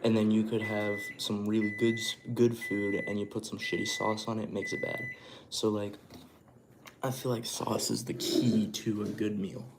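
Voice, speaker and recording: A man with a lowish voice and little melody talks casually to his livestream while cooking and eating. He rambles and drops in easy swear words. Clear background noise sits behind him. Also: flat delivery, moderate pace. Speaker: livestream host. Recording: clearly noisy room ambience.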